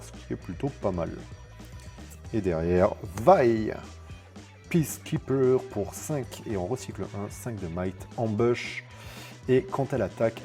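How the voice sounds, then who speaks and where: A man casually commenting while opening card packs, reading card names slowly and explaining the rules in quick asides, with fillers and self-corrections. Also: lowish voice, mellow. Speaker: card game content creator.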